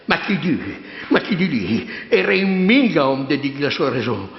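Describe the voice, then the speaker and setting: Man as fearful village priest, Milanese accent, stammering, swooping pitch, muffled hall sound, stage dialect reading. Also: sing-song. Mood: frightened, agitated. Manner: stammering, halting, repeating words. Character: flustered, fearful, deferential male village priest.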